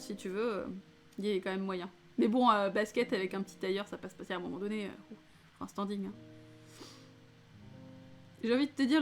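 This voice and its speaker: A woman from France giving a casual, chatty film debrief, laughing often and filling pauses with hesitations. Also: a little high. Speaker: film reviewer. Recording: faint music behind.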